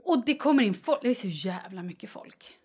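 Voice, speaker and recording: A woman's voice: mid-range voice, animated, a little mellow, slightly rough. A middle-aged woman co-hosting a podcast in casual chat, telling stories dramatically, swearing freely and dropping into whispered asides. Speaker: podcast co-host.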